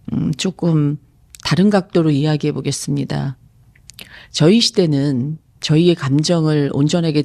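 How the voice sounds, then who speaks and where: A woman's voice: deep voice, a little mellow. Woman counselor in her 50s, earnest and reflective, doing a radio-style advice segment. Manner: earnest, reflective, emphatic at times. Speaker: psychological counselor. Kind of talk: radio-style advice reading of a viewer letter.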